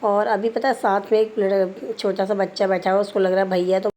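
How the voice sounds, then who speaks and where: A woman's voice: mid-range voice, little pitch movement, fairly quick, background noise. A young woman chatting casually to her viewers in a family home, explaining everything as she goes. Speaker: vlogger. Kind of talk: casual vlog narration.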